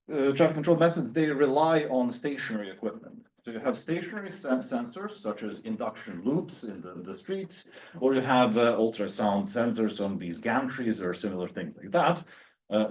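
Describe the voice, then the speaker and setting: A man's voice: on the low side, a little mellow. A man in his thirties from Serbia, giving an academic lecture with many fillers and restarts. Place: university seminar room.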